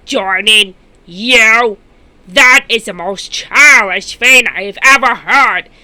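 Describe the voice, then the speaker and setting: A piercingly bright, fairly high cartoon octopus, acted out by a woman. He is irritable and exasperated, scolding at a measured, slow pace. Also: heavily acted. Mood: indignant.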